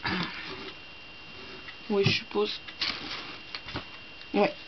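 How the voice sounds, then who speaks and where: A young woman from France chatting casually as she unboxes gifts, gushing and excitable, with many hesitations and fillers. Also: drawn-out words. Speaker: book vlogger. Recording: dull lo-fi home recording with faint hiss.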